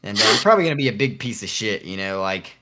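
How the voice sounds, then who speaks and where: A man's voice: lowish voice, expressive, fast, bright, forceful tone, slight background noise. A man co-hosting a casual podcast, rambling and joking with a cocky edge. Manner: cocky, rambling, laughs often. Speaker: podcast co-host.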